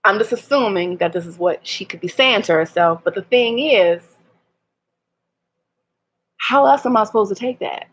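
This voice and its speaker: A woman's voice: medium pitch, lively intonation, normal speed, pauses often, husky. A woman, talking candidly in a personal vlog, hurt and laughing ruefully through her restarts. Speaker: vlogger.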